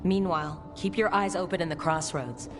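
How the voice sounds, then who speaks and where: A direct, practical adventurer leader , voiced by a woman, with a fairly low voice. She speaks plainly in a game scene while music plays clearly behind. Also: moderate pace, natural voice. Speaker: player character and team leader. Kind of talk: video game dialogue.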